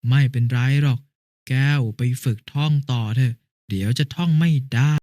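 A man playing a patient, mellow big brother. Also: mid-range voice, expressive, moderate pace, no room sound, studio quality, lightly acted. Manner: patient, explaining step by step. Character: patient, helpful older brother. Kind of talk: educational cartoon dialogue.

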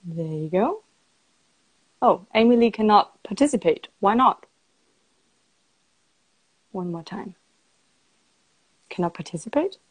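A woman's voice: medium pitch, expressive, takes it slowly, pauses often, slightly rough, low-quality recording. Woman, interviewer, chatty, giggly, filler words, live stream. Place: indoors, on a live video stream.

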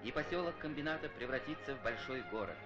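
A man narrates an old newsreel in a formal, declamatory announcer's manner, his voice sitting at a middling pitch. The sound is muffled and lo-fi like an aged film soundtrack, with loud orchestral music running under him. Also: animated, fast talker. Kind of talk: scripted Soviet-era newsreel narration.

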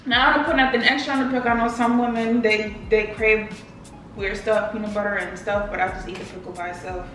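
A woman's voice: mid-range voice, steady tone, fairly quick, fairly bright tone. A woman in her twenties with an American accent, bantering casually on camera in a playful, bossy way. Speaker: vlogger. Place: home kitchen, indoors. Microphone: camera across the counter. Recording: echoey kitchen, distant mic, music behind.

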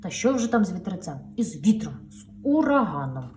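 A woman's voice: lowish voice, big pitch swings, fairly quick, darkish tone, a little hiss or hum. A woman voicing an eager, bossy male truck from a storybook who honks, urges and coaxes, heard a little distant from the mic. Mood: coaxing. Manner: honking, urging, coaxing.

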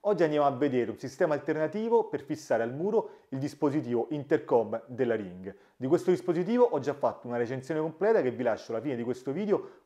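With a mellow, mid-range voice, the man who hosts a DIY smart-home channel talks the camera through a practical tutorial. He records in a small indoor room.

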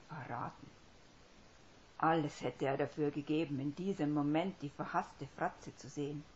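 A woman reads a story aloud, with a low pitch and a steady, measured delivery. The recording sounds somewhat dull and lo-fi. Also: a little hiss or hum. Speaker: audiobook reader. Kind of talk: scripted fiction narration.

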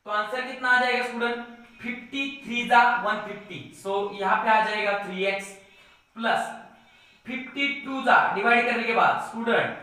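Teacher voice: man, high and bright, slow board-work explanation, echoey room. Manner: slow, repeats words while writing, keeps saying "student". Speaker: math teacher. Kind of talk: board-work math lesson.

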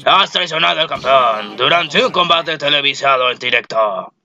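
Jefe mayor y tajante, leído por un hombre, voz algo alta. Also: male voice, on the high side, expressive, normal speed, pushed and bright, full character voice. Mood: stern. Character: stern older male company boss. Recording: lo-fi muffled recording.

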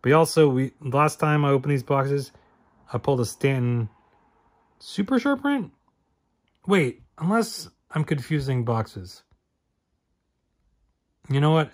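A man talks through a card-opening video in a relaxed, rambling way, reading off names in each pack. He keeps second-guessing himself and correcting his own memory out loud, at a middling pitch for a man. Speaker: card-opening channel host. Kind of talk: casual card-opening commentary.

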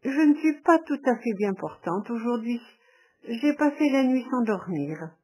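A woman's voice: on the high side, expressive, a little slow, warm tone, slight background noise, rough recording. A woman voicing an elegant, tired young noblewoman who speaks in a languid, plaintive way.

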